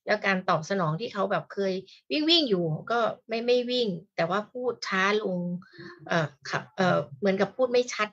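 Mom chatting away, lots of fillers, sounds a bit muffled. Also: female voice, mid-range voice, normal speed, fairly bright tone. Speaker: parent guest. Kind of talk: casual chat.

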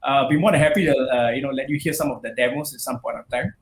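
A man with a mid-range voice talks fast in a relaxed interview, a Malaysian metal musician who keeps restarting and leaning on fillers as he rambles. Echo and faint noise colour the recording.

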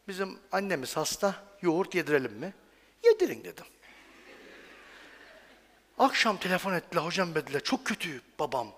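A man's voice: fairly high pitch, fairly bright tone. A man giving a stage talk in a chatty, joking way, often putting questions to the audience. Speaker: medical professor giving a talk. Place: large hall on stage. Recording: reverberant hall.

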